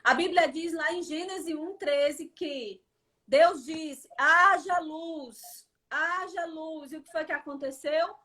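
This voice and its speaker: A woman preaches in a prayer livestream, her voice set high. She speaks fervently and keeps turning to her listeners as "dear". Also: unhurried. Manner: fervent, addresses listeners as "querido".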